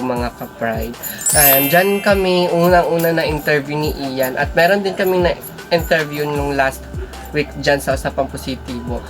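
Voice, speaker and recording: A woman chats casually to her vlog viewers, teasing and giggling as she goes. Her voice sits low but swings widely in pitch. Loud music plays under her talk. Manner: teasing, giggly, often breaks into laughter. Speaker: couple vlogger, host.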